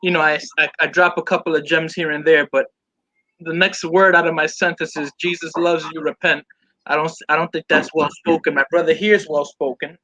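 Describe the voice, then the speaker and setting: Bright, joking man chatting on a stream. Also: fairly high pitch, low-quality recording. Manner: loose and joking, reading out chat comments. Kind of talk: casual live-stream chat.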